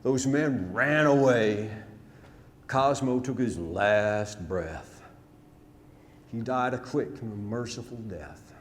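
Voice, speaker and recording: A man speaking slowly at a medium pitch tells a rhymed narrative ballad on stage in a theatre. His storytelling is dramatic, folksy and emphatic, and the noisy live recording carries the hall's reverb.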